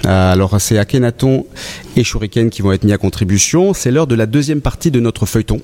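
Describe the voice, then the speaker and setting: A male radio host interviews his guests. His voice sits at a middle pitch and he moves along very quickly. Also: dark tone. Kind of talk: live interview.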